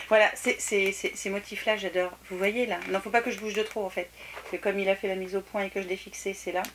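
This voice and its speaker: A woman's voice: mid-range voice, fairly even intonation, a little fast, background noise. A woman vlogger chatting casually about a shopping haul, often restarting her sentences and laughing at herself.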